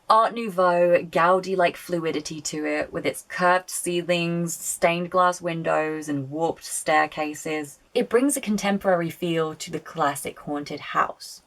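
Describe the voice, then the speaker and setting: A woman's voice: low-pitched, creaky, a bit bright. A woman giving casual video-essay film commentary, chatty, opinionated and prone to swearing. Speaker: film reviewer.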